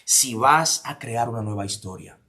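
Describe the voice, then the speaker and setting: A man's voice: mid-range voice, animated, normal speed, pushed and bright. Emphatic Dominican man asking questions. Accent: Dominican Spanish. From Dominican Republic. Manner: emphatic, fires repeated rhetorical questions, drops to near-whispers for stress. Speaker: motivational speaker. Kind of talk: motivational talk.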